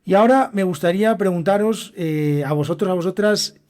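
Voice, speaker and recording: High-pitched, fairly quick and a little mellow, a young podcast host with a Castilian accent teaches Spanish on his own, addressing his students directly as he explains.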